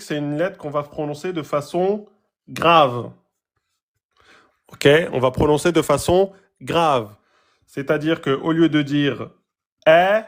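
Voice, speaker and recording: A man teaching a lesson on pronunciation, stressing and repeating sounds to drill them. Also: a little high. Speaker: Quran recitation teacher. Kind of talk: classroom-style lesson.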